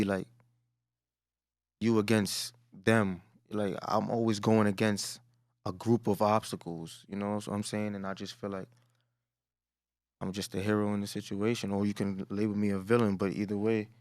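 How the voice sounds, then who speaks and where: A man, a rapper talking casually and quietly in an interview, often trailing off. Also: clean tone, no room sound, studio quality. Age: 20s. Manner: laid-back, low-key, trails off with "that's really it". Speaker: rapper guest.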